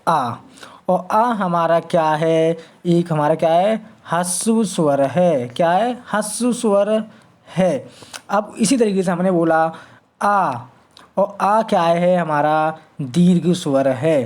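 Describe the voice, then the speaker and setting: A woman teaching a Hindi grammar lesson for exam prep, asking questions and answering them herself, stretching vowel sounds slowly to demonstrate. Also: fairly low pitch, a little mellow. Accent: north Indian Hindi.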